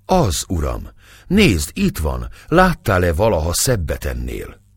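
A man's voice: sits low, huge pitch swings, husky, dry recording, studio quality, full character voice. A man reading aloud and voicing a clever young man who speaks humbly and persuasively. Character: clever young Hungarian man posing as a singer.

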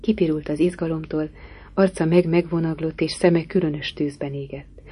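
A woman's voice: sits low, fairly even intonation, dark tone, breathy edge. A woman narrating a novel aloud in an earnest, heartfelt reading. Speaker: audiobook narrator.

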